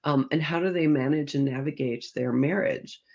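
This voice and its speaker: Here a middle-aged woman's deep, darkish voice moves at a normal speed. As an interview guest and historical fiction author, she shares stories conversationally, dramatizing pieces of reported speech.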